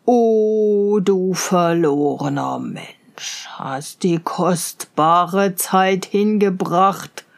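A woman voicing a stern old male count who is quick to anger, speaking in a slow, lowered, solemn voice in a fairy tale reading. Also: darkish tone.

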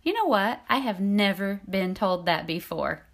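A middle-aged woman with a soothing, mid-range voice hosts her own podcast as an intimacy coach. Her intonation is lively and her pace measured, and she chats in a friendly way, laughing lightly. The solo talk is partly scripted.

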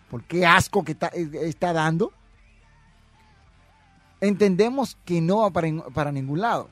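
A man's voice: fairly high pitch, dry recording. A man hosting a wrestling podcast, giving brash, mocking commentary and reading viewer comments. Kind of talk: casual opinionated commentary.

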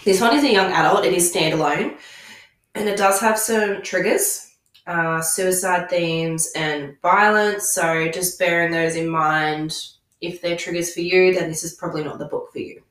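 A woman chats casually about books as a podcast co-host. Her voice is fairly low and croaky, creaking as phrases start. She sounds set back from the microphone in an echoey room. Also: normal speed, a bit bright, recorded from a distance. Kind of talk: casual book review chat.

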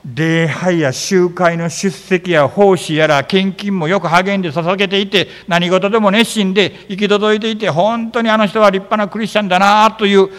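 A man's voice: high-pitched, normal speed, hardly any pauses, in a large hall. A man, preaching as pastor, telling stories and acting out the disciples' lines. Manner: animated storytelling, acting out biblical dialogue. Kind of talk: sermon. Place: church sanctuary.

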